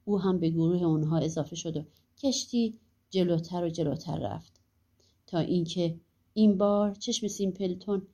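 A woman narrating a fairy-tale audiobook in a calm, even storytelling manner. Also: on the low side.

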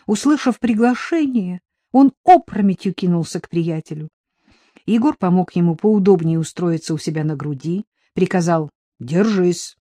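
A woman reading a story aloud in a steady storytelling manner. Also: fairly low pitch, normal speed, no room sound. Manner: steady storytelling, voices the characters. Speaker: audiobook reader. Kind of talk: scripted narration.

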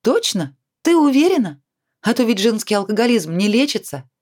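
A woman's voice: fairly high pitch, sing-song, normal speed, darkish tone, pitched above the performer's own voice. A woman reading a storybook voices an adult woman who scolds and then coaxes her friend. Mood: scolding.

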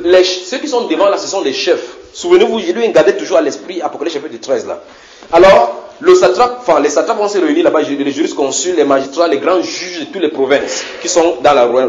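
A man teaching a sermon in a fairly high voice, full of repetitions and questions put to his listeners. The recording is dull and lo-fi, with a roomy church echo and a faint hiss. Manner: animated, repeats words, asks the congregation questions. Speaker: preacher.

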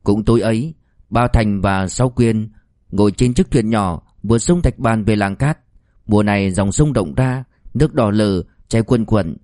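A man narrating an audiobook in a steady storytelling manner, shifting into character voices. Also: lowish voice, dry recording, clean studio sound.

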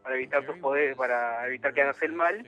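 A man calling into a radio show, relaxed and wry as he recommends a documentary. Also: mid-range voice, fast talker, soft background music. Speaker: caller. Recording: dull lo-fi phone line.

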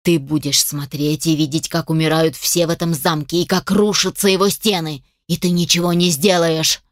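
A woman's voice: low-pitched, fairly even intonation, normal speed, no echo, studio quality, lightly acted. A woman voicing Lance, an arrogant, cruel male phoenix who roars out menacing threats in a fantasy audiobook.

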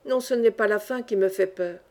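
A woman reading the part of a calm old schoolmaster among trapped miners, explaining things patiently in an audiobook. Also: mid-range voice, normal speed, close to an everyday voice. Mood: explaining calmly. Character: wise old male mine schoolmaster, calm.

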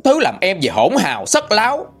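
Man putting on a shrill jealous sister-in-law. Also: wildly swooping pitch, normal speed, fairly bright tone, husky, faint music behind, exaggerated voice. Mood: screaming abuse. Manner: screeching, accusing insults. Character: shrill jealous middle-aged woman, spiteful sister-in-law.

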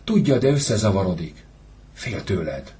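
Man putting on a soft pleading mom from an audiobook, pitched up a bit. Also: big pitch swings. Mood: pleading, gentle. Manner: pleading, soothing. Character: pleading protective mother.

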